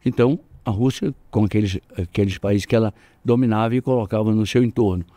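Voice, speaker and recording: An older man with a Brazilian accent, a jiu-jitsu master telling animated stories in an interview, jumping up in pitch when he quotes people. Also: brisk, no room sound. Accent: Brazilian Portuguese. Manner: animated, acts out quoted voices with jumps in pitch. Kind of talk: storytelling in casual interview.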